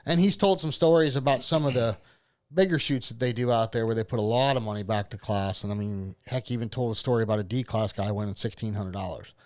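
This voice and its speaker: A man's voice: lowish voice, fast, a little mellow. A man with an Ohio accent co-hosting a podcast, joking and rambling with restarts in casual chat. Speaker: podcast co-host.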